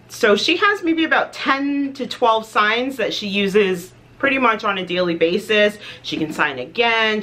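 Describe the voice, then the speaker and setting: A woman's voice: mid-range voice, sharp tone. A woman in her thirties from Canada, chatting casually to camera as a motherhood vlogger, upbeat and full of details. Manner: chatty, upbeat, lists details with light fillers.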